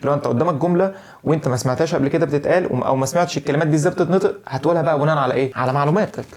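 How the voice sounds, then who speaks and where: A man's voice: a little high, rapid-fire, a little mellow. A young man with an Egyptian Arabic accent, giving casual, direct advice in a video lesson on learning English. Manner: direct, chatty advice to the viewer.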